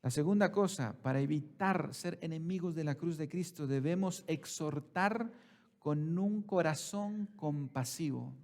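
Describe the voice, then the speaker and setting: A pastor preaching with a high-pitched male voice. He puts questions to his congregation and calls them brothers. He drops to slow, quiet lines, then rises loud and high. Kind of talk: sermon.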